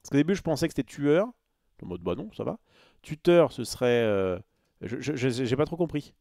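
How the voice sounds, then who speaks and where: A man's voice: medium pitch, sing-song, a little fast, vocal fry, warm tone, no echo, studio quality. A man chatting casually on a live stream, rambling with many fillers and restarts and answering his chat.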